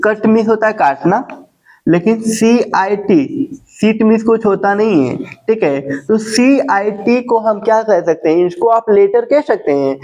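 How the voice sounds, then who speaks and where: A man teaching an English grammar lesson, asking questions and answering them himself, and slowly dictating English definitions. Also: high-pitched, a little mellow, poor audio.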